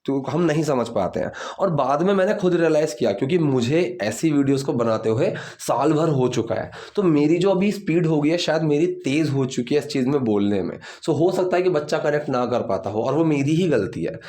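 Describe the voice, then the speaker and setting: A man teaching English grammar, explaining step by step and repeating example sentences slowly. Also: a little high, animated, mellow. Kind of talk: bilingual grammar lesson.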